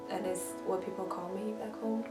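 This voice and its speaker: A young woman from Shanghai, China speaking simply and warmly. The room has an echo and loud music runs beneath her. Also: medium pitch, steady tone, moderate pace. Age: young adult. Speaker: interviewee. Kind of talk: casual interview answers.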